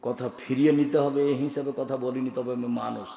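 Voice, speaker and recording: A middle-aged man from Bangladesh, preaching a sermon forcefully, swinging from loud shouted lists to low asides. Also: level tone, a little fast, creaky. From Chapainawabganj, Bangladesh. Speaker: teacher and scholar. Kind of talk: Bengali sermon. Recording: echoey hall with long reverb.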